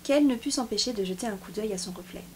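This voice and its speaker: A woman reading a novel chapter aloud in a steady voice, with small slips and restarts now and then. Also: medium pitch, fast talker, slight background noise. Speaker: book YouTuber.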